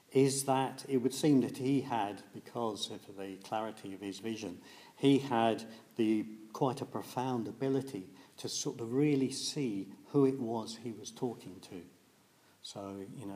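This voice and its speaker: A man's voice: fairly low pitch, dark tone. A man giving a reflective Buddhist dharma talk, hesitant and thoughtful, with many fillers. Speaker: Buddhist teacher.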